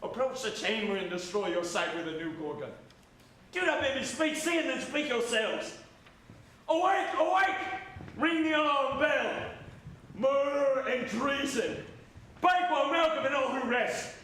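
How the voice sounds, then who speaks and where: A man's voice: extremely high pitch, animated, moderate pace, fairly bright tone. A man playing a horror-stricken Shakespearean nobleman with a hammy, declamatory stage delivery. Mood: urgent alarm. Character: horror-stricken nobleman raising the alarm over murder. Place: indoor stage performance. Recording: echoey theatre, distant microphone, faint noise.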